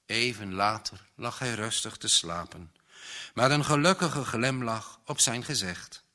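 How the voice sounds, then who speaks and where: A man reads a novel aloud in a slow, measured way. His voice is bright and clear, and his pitch rises and falls freely. The tone is calm and reverent. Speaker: audiobook narrator.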